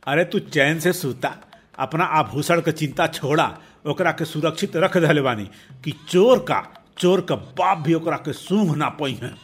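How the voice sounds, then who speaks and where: A crafty village husband with a husky, breathy edge and a Bhojpuri accent, put on by a man telling the story. He talks in a sly, teasing way and sits high for a male voice. It suits a spoken storybook. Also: a little slow. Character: clever scheming village husband.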